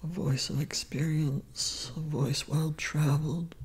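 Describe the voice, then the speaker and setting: A young man speaking in a sleepy ASMR voice, in a breathy whisper, halting and repeating words. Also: a little high, level tone, poor audio. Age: young adult.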